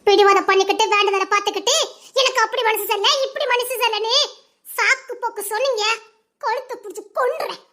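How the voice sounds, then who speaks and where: A woman with a Tirunelveli accent performs a loud family quarrel in a dialect drama, firing off quick retorts. Her voice is very high and bright, and her delivery is fast. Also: fairly even intonation. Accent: Tirunelveli Tamil.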